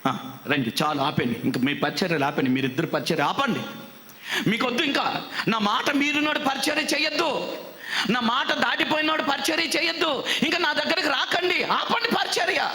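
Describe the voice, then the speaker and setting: A man's voice: fairly high pitch, animated, a little fast, sharp tone, voice pushed down. A man voicing God as a stern, rebuking male figure who gives repeated commands in an echoey hall. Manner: scolding orders, repeated commands.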